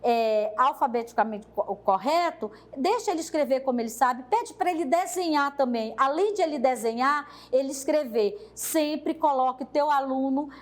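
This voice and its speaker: A woman training teachers, explaining a classroom activity and speaking directly to the teacher in an unhurried way. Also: high-pitched, lively intonation.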